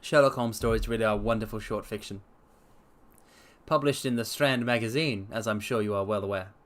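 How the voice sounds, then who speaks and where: A livestream host and story reader talks fairly quickly in a lowish voice. He chats with his audience and reads aloud theatrically, favoring formal, old-fashioned phrasing.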